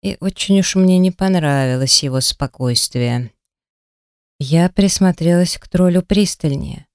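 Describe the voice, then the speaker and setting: A woman narrating a first-person fantasy audiobook with a lively, wry storytelling manner. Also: fairly low pitch, a little slow, dry recording, clean studio sound.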